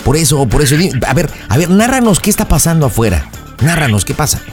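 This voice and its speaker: A man's voice: fairly high pitch, sing-song, soft background music. A male radio host directing a prank call and coaching his callers on what to say. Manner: bossy, coaching callers with quick instructions.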